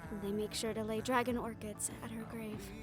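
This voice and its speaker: Over background music, a woman's slightly high voice moves a little fast with little pitch variation, lightly acted. She plays a writer in an intimate roleplay, telling fondly and wistfully how things end for her characters.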